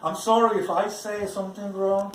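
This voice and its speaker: Halting non-native man, roomy and distant. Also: sits high, level tone, noisy background. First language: not English. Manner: halting, repeats and restarts words, searches for English phrasing. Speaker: churchgoer giving a personal testimony. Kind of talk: spoken religious testimony. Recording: roomy, from some distance off the mic.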